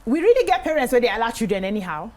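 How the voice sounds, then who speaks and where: A woman's voice: on the high side, sing-song, racing, over a noisy crowd. A young Nigerian woman hosting a radio call-in, chatting casually in Pidgin. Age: young adult. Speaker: radio host taking calls. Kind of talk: casual talk show chat in Pidgin. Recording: clear background noise.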